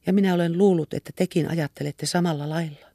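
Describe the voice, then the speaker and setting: A woman's voice: fairly low pitch, fairly even intonation, dark tone, dry recording, studio quality. A woman reader voicing an anxious young woman who pleads tenderly and earnestly. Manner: earnest and imploring.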